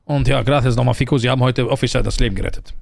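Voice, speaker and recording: A man's voice: mid-range voice, fairly even intonation, rapid-fire, creaky, no echo, studio quality. A man voicing a brash, mocking male car thief under arrest, in a casual game role-play. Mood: smug. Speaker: roleplay player.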